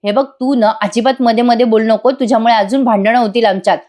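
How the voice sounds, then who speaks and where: A woman's voice: a little high, fairly even intonation, fast talker, a little mellow, natural voice. A woman playing a pleading young husband. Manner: coaxing, begging.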